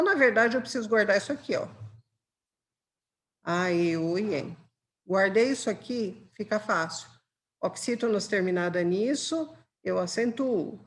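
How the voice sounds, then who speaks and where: A woman with a Brazilian Portuguese accent teaching grammar for an exam, patiently explaining with examples and checking in with her students. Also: mid-range voice. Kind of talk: exam-prep grammar lesson.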